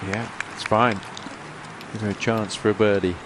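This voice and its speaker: Lower-voiced male golf commentator, noisy crowd. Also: level tone, moderate pace. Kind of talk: live golf commentary, reacting to putts. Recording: loud crowd and outdoor noise. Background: crowd and outdoor ambience.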